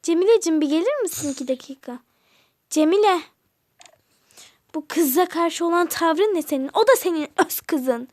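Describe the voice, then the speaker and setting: Woman plays a sweet fussing aunt in a toy-game story, very high voice, calls everyone dear. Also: animated, normal speed, long pauses, a little mellow, no echo. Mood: fond. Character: kind caring aunt, middle-aged woman. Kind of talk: toy game role-play voice-over.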